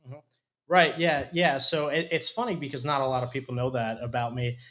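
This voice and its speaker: A man in his twenties, originally from Hungary, telling his story as a guest in a studio interview with frequent pauses and restarts. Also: medium pitch, steady tone, a bit bright. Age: 20s. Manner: hesitant, many fillers and restarts. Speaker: company COO, guest. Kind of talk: casual interview talk.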